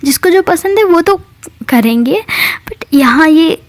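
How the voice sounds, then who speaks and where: A woman's voice: extremely high pitch, lively intonation, slow, no room sound. A woman narrating a love story in a chatty, explaining manner, often breaking off mid-sentence. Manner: chatty, explaining, interrupts herself. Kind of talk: casual spoken story narration.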